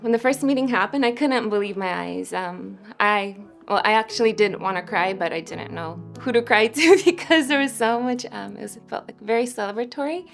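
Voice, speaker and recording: A woman's voice: medium pitch, fairly quick, vocal fry, hardly any pauses. A woman, a pastor's wife, telling her story in a candid, lightly humorous way. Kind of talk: testimony interview. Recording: music bed under voice.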